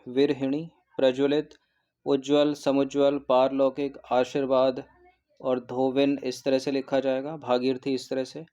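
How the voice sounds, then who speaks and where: Guy teaching exam prep on video, explains step by step, keeps saying okay, repeats words slowly. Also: mid-range voice, warm tone. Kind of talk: recorded exam-prep lesson.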